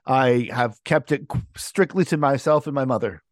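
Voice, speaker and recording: A man's voice: medium pitch, moderate pace, dry recording, studio quality. A man playing a tabletop game, improvising casually with stammered, repeated words and jokes.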